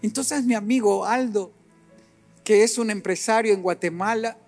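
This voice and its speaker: High-voiced man preaching with animated emphasis. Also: normal speed, gravelly, soft background music. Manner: animated, acts out dialogue and rises to emphatic peaks. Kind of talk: sermon.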